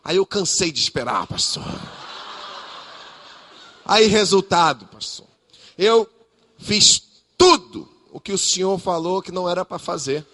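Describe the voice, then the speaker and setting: A male preacher voicing a chatty young female makeup artist, talking in a loud, breathless, confessional rush. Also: fairly low pitch, animated, a little slow, long pauses.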